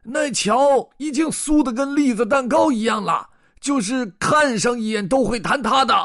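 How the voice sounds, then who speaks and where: A man voicing an angry old farmer in a children's storybook, shouting shrilly from a distance. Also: extremely high pitch, normal speed, pitched above the performer's own voice. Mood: furious.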